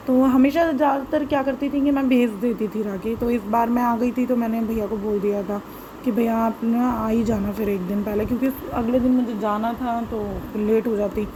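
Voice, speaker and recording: A woman vlogger with a hoarse, sore throat, chattily narrating her home footage and often correcting herself as she rambles. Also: fairly high pitch, noisy background.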